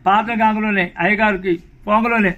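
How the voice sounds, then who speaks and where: A man's voice: high voice, steady tone, a little fast, narrow, tinny audio. A middle-aged man, a pastor earnestly telling his life story in an interview. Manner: earnest storytelling, acting out prayers and God's words. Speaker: pastor giving his testimony. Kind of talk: spoken testimony in an interview.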